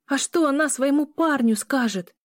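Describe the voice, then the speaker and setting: A woman voicing an impulsive, sharp-tongued young woman in an audiobook, with snappy, indignant questions. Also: high-pitched, moderate pace, dry recording, clean studio sound, pitched above the performer's own voice, lightly acted.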